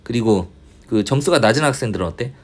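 A man tutoring English in a casual online lecture, thinking aloud, muttering mild swears and reading English lines slowly. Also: medium pitch, animated.

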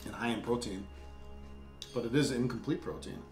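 A man's voice: medium pitch, normal speed, gravelly, darkish tone, faint music behind. Chatty, jokey man tasting food in a roomy space. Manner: jokey, chatty, reads labels aloud. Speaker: co-host. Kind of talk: casual food tasting chat.

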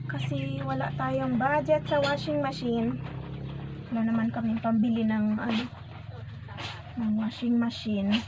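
Tired high-voiced mother with a cough. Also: little pitch movement, measured pace, pauses often, noisy background. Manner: rambling, with many fillers and restarts. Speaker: mother and vlogger. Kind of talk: casual vlog chat, mixing in English with her child. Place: outdoors at home, hand-washing laundry. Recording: dull lo-fi sound with roosters and chickens behind.

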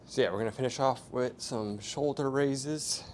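A man's voice: medium pitch, normal speed, darkish tone, a little hiss or hum. Laid-back young man vlogging from a gym. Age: young adult. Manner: laid-back, rambling with many fillers. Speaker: fitness vlogger. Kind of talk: casual vlog narration between sets. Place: small hotel gym, indoors. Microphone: small clip-on mic, camera at a distance.

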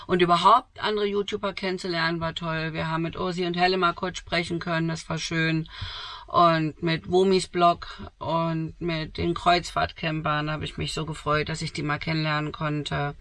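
A woman's voice: deep voice, flat delivery, normal speed, a bit bright, dry recording. A woman in her sixties chatting to camera from inside a camper van, enthusiastic, with lots of fillers. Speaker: camping vlogger. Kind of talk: casual vlog talk to camera. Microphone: fixed camera in front, seated.

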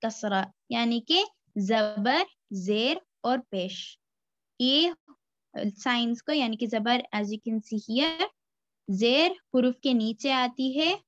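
A woman teaching Quran reading step by step, switching between Hindi-Urdu and English phrases and reciting letter sounds slowly for her students to repeat. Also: fairly high pitch, fairly bright tone, no room sound. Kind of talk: slow step-by-step lesson. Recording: dry, dull lo-fi recording.

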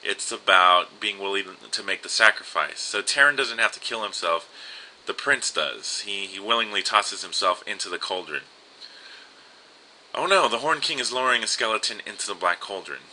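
A man's voice: fairly low pitch, lively intonation, moderate pace, sharp tone, a little hiss or hum, poor audio. A young man casually commenting on an old adventure game and reading its text aloud. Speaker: let's play host.

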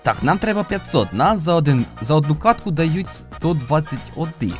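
Lively high-voiced man commentating gameplay. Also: moderate pace, faint music behind. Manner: playful and upbeat, with frequent sound-effect interjections. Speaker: gaming video host.

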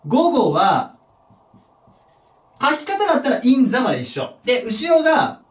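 A man teaching a junior high English lesson at a board, patient and step-by-step, checking in with his students and joking about his own mistakes. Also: huge pitch swings, a little slow, far from the mic. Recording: echoey room, voice from off the mic.

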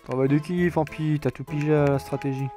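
A French man commentating his own game run, joking crudely and swearing through it. His voice sits slightly high, with faint music behind him. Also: steady tone, a little fast, dark tone. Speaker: let's play host. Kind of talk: casual gaming commentary.

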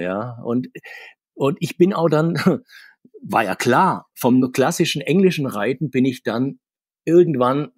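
Casual interview talk from a comics marketer in his 60s, a video-call guest who rambles, chats, and laughs between points in a home room full of figures. His medium-pitched voice is a little mellow and slightly rough, heard in a dry, studio-quality recording.

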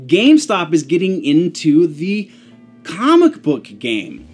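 An animated young man with a slightly high voice talks through comic news to camera, chatty and quick to correct himself. Faint music plays softly behind him in a small cluttered room. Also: breathy edge. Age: young adult. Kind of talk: casual news chat to camera. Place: small room full of posters and collectibles, indoors.

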